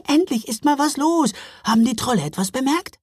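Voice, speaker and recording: Breathless squealing sprites, very high and airy. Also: female voice, animated, a little fast, a little mellow, husky, dry recording, studio quality. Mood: gleeful. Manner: squealing, giggling. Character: shrill excited little sprites.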